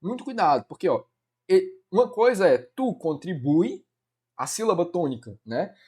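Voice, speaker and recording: A man's voice: high-pitched, very animated, fairly quick, darkish tone, breathy edge. A man with a Brazilian Portuguese accent teaching a Portuguese grammar lesson for an exam, chatty and informal, peppering his explanations with "né" and addressing students as "galera". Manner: casual, addresses students as "cara" and "galera", many fillers like "né".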